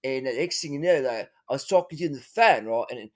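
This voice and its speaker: A man's voice: mid-range voice, expressive, quick pace. A man playing a father who rambles through a wild adventure story, full of fillers and tag questions.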